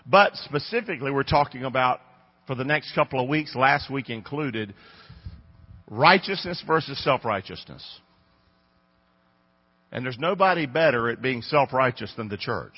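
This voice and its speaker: A husky-voiced pastor in his fifties from North Carolina, with a Southern American accent, delivers a casual, folksy sermon straight to his congregation. He speaks at a normal speed and medium pitch, animated but with long pauses. The audio from the church sanctuary sounds dull, with a long reverb.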